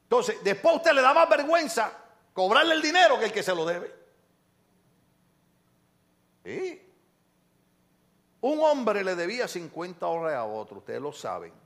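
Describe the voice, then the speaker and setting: A man delivers a sermon. He preaches with lively swings between loud outbursts and hushed asides. He acts out the quotes of people in his stories. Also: high voice, normal speed. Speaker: pastor.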